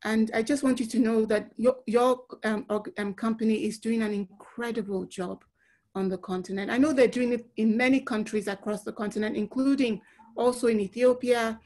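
A woman's voice: on the high side, steady tone, normal speed, mellow. A middle-aged woman from Nigeria, moderating a panel webinar over a laptop video call, effusive with many filler ums. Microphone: laptop webcam video call.

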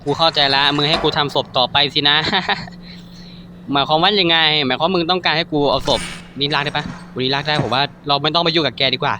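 A man commenting casually on a horror game as he plays, excitable and jumpy, swearing freely. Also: on the high side, fairly quick, background noise. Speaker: gaming YouTuber.

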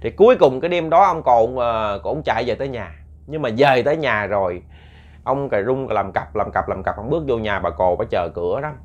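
A man's voice: medium pitch, fairly quick. Man telling a ghost story. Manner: animated, repeats words for suspense, addresses listeners. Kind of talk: casual spoken storytelling. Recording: muffled lo-fi recording.

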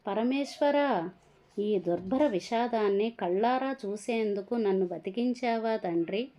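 A woman's voice: medium pitch, measured pace, lightly acted. Woman voicing a grieving old grandfather. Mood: anguished. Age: older. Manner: anguished cries to God, gentle consoling. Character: grieving old Brahmin grandfather, calm and wise. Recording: dull lo-fi recording.

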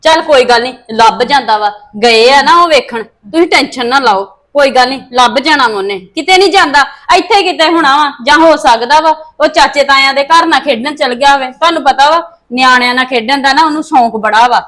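A woman acts out a young wife in a homemade family drama, high-pitched and defensive. She pleads and argues back against blame. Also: a little fast, hardly any pauses, fairly bright tone. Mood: reassuring. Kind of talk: amateur family drama acting.

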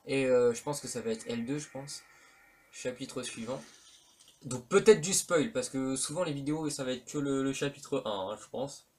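A man's voice: medium pitch, normal speed, a little mellow. Rambling man commenting on a game. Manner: rambling, hesitant, filler-heavy, casual slang. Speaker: let's play commentator. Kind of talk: casual gameplay commentary. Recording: faint background noise.

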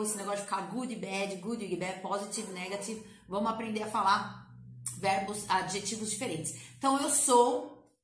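A Brazilian woman with a cold, teaching English in a playful, energetic way with slangy asides and coaxing repetition. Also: medium pitch. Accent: Brazilian Portuguese. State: has a cold. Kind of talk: energetic online English lesson. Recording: echoey room.

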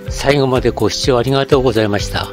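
An older man from Akita, Japan, reading a scripted narration as channel host in a measured, explanatory way. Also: medium pitch, faint music behind.

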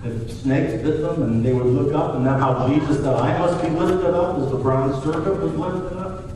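A middle-aged pastor preaches a sermon in a large church sanctuary, telling the story conversationally and voicing the characters he quotes. His darkish, higher-pitched voice moves at normal speed. Captured by a far camera at the back of the church, the recording sounds distant and roomy with hiss.

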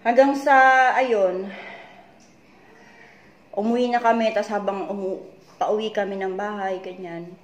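Woman from the Philippines, confiding vlogger, subdued low voice, roomy echo. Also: steady tone, unhurried, pauses often. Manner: retells conversations, repeatedly tagging them with "she said"; worried, confiding tone. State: voice low and weak. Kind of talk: personal story-time vlog. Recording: echoey room with faint background noise.

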